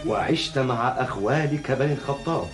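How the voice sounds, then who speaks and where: A man's voice: medium pitch, brisk, over music, lightly acted. A middle-aged man playing an earnest, outspoken counsellor in a classical Arabic historical drama, speaking formally and with rhetorical emphasis. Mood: admiring, earnest. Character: earnest, outspoken male counsellor questioning his caliph.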